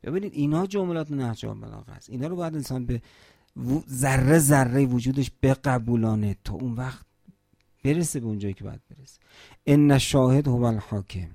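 Gravelly-voiced male preacher, emphatic sermon. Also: mid-range voice, mellow, dry recording, studio quality. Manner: emphatic, asks rhetorical questions, quotes Arabic scripture. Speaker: preacher at a mourning gathering. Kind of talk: religious sermon.

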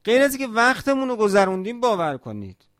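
A man's voice: high voice, sing-song, fairly bright tone, dry recording, studio quality. A man preaching a religious sermon at a mourning gathering, emphatic, asking rhetorical questions and quoting scripture in Arabic.

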